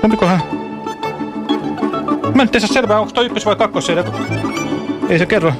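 High-voiced playful male radio host. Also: loud music behind the voice. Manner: playful, jokey, reads out listener messages. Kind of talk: casual radio chat.

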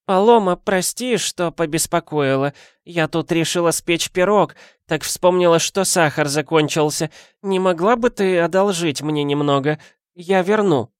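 A man doing a stern, sharp-tongued old woman. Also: fairly high pitch, measured pace, clean tone, dry recording, clean studio sound, pitched above the performer's own voice, close to an everyday voice. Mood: sweet, polite. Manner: scolding, warning.

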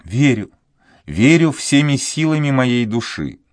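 A man's voice: mid-range voice, big pitch swings, measured pace, dry recording, clean studio sound, voice pushed up. A man voicing a sorrowful sixteen-year-old girl in love, speaking in a sad, pleading way. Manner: sad, pleading, soft-spoken.

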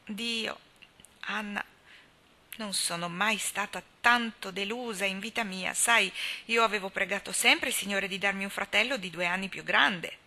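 A woman's voice: medium pitch, measured pace, bright, forceful tone. A woman reading the part of a talkative, gossipy older spinster in an audiobook, in an emphatic, chatty manner. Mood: amused. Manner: chatty, emphatic, sighing storyteller.

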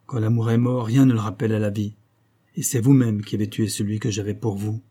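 A man reading an audiobook and voicing a stern husband who speaks calmly, severely and without emotion. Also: lowish voice, fairly quick, breathy edge. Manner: calm, severe and detached.

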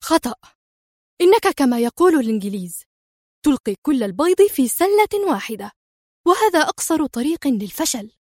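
Narrator putting on a high fast-talking mafia queen, bossy and furious, dry audiobook. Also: sing-song, darkish tone, dry recording. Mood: indignant. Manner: shrill, rapid outbursts. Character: furious female mafia boss, sharp-tongued.

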